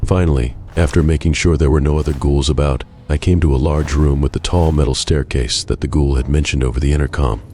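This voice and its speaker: A man narrating a game playthrough as a first-person story in a measured, even way. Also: extremely low pitch.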